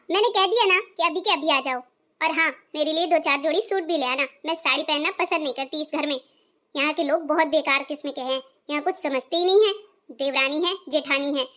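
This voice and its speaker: A woman's voice: high voice, brisk, sharp tone. A woman playing a spoiled, bossy young daughter-in-law in a comedy skit, scornful and threatening.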